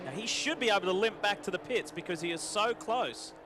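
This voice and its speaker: High-voiced male race commentator. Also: animated, fairly quick. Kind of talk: live motorsport commentary. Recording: loud engine noise behind commentary. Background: race cars.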